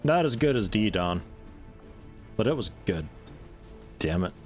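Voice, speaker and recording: A man streaming a video game, giving relaxed, wry commentary and swearing casually. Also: fairly low pitch, slow. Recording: game music playing underneath.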